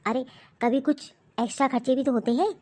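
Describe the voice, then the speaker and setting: A woman voicing a stubborn, defensive wife in an animated story, arguing back defiantly. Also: high-pitched, brisk. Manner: defiant and argumentative. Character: defensive young wife and mother, lying and stubborn.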